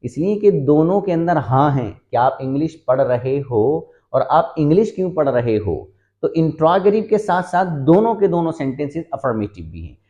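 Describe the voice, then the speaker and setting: Mellow-voiced man teaching English step by step. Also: a little high, very animated, lo-fi sound. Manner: patient, explains step by step and repeats examples slowly. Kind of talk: spoken-English lesson.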